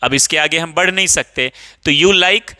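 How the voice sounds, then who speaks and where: A young man teaching English grammar to a class, explaining step by step, reading example sentences slowly and checking often that students follow. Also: on the high side, sharp tone, clear, resonant tone. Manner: checks understanding often, calls students 'babu'.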